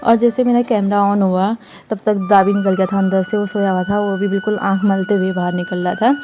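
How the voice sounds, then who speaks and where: A woman's voice: mid-range voice, flat delivery, a little fast, warm tone, soft background music. A young woman narrating a casual family vlog, often switching into coaxing baby talk with her toddler. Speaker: vlogger, mother.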